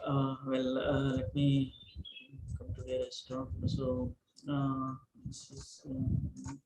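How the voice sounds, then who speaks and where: A man's voice: medium pitch, very animated, slow, gravelly. Hesitant man lecturing in an echoey room. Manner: hesitant, many fillers and restarts. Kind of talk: online lecture. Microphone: microphone held away at first. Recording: echoey room, noisy line.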